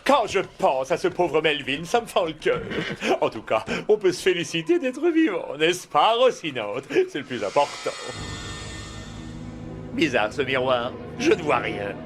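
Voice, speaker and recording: A man's voice: a little high, big pitch swings, a little slow, soft background music. A man voicing a vain, cruel older brother with theatrical smugness in a French cartoon dub. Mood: self-satisfied.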